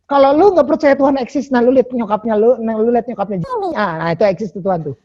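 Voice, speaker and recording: Brief: man hosting, husky higher voice, dark and muffled sound, emphatic and animated. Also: fast. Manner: animated, probing questions, emphatic repetition. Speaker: host.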